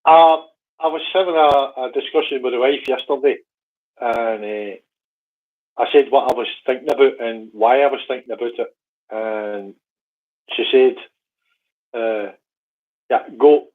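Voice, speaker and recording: A man's voice: mid-range voice, a little slow, pauses often. A man from Glasgow talks in an easygoing, hesitant way, leaning on fillers as he explains things. He comes through a narrow, tinny line that sounds like a phone call. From Glasgow, Scotland. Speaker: guest biker. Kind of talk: casual chat over a call.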